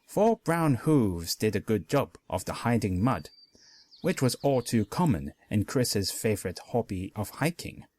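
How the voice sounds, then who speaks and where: A man narrating a pony fanfic story as a dramatic reading, expressive throughout. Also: on the low side, a little slow.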